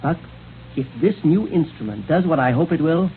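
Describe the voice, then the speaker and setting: An actor playing a kindly, excitable inventor in a 1930s radio serial, stammering and fussy. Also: male voice, on the high side, normal speed, natural voice. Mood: earnest, proud. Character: excitable, kindly male scientist-inventor, proud of his gadgets. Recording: scratchy, tinny old radio recording.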